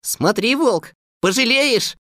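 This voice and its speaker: A woman's voice: fairly high pitch, expressive, takes it slowly, fairly bright tone, no echo, studio quality, full character voice. A woman voicing a brave, clever little boy in an audio fairy tale, speaking eagerly.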